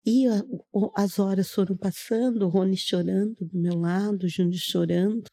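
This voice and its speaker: A woman's voice: medium pitch, fairly even intonation, moderate pace, dark tone. A middle-aged woman from Brazil, earnestly telling a personal testimony on a podcast, narrating step by step and acting out what others said. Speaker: guest giving a testimony. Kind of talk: casual storytelling on a podcast.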